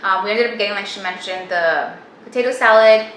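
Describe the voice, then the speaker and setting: A woman's voice: medium pitch, fairly quick, a bit bright, a little hiss or hum. A young woman hosting a casual home vlog with her sister, chatty and explaining things step by step. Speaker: vlogger host. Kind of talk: casual chat. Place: home kitchen. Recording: roomy home recording.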